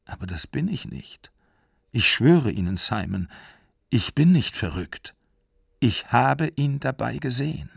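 A distraught young mother pours out her fear in an earnest, pleading way, voiced by a male audiobook reader. The voice is gravelly and sits close in a dry, deadened sound. It keeps a steady, literary reading pace. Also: medium pitch, unhurried, dry recording, exaggerated voice. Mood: desperate.

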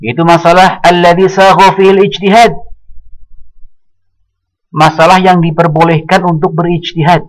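A man giving a religious study lecture, speaking in a measured way and quoting Arabic passages. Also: sits high, flat delivery, poor audio. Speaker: Islamic teacher.

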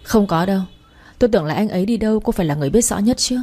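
Woman doing a sharp-tongued, reproachful young woman. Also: mid-range voice, expressive, rapid-fire, close to an everyday voice.

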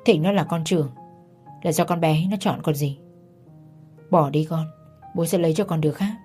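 A man's voice: fairly high pitch, moderate pace, mellow, faint music behind, natural voice. A woman voicing a stern elderly father who orders his son to give up the girl. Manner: commanding and dismissive.

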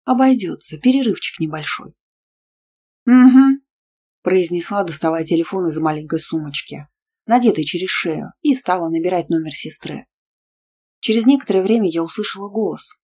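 Lively woman reading an audiobook. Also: on the low side, a little fast, husky. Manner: lively, sarcastic, emphatic. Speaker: audiobook reader. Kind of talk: first-person audiobook narration.

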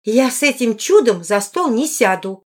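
A shrill, bossy young noblewoman who fusses and scolds, put on by a woman reading an audiobook. Her voice climbs higher and louder than the narration, full of reproach. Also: sing-song, a little fast. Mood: scolding.

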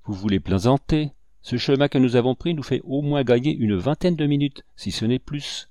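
A man voicing a shrewd old hunter and guide who talks in a calm, fatherly, gently teasing way, in an audiobook reading. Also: medium pitch, normal speed, no echo, studio quality, pitched above the performer's own voice, natural voice. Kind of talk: audiobook character voice.

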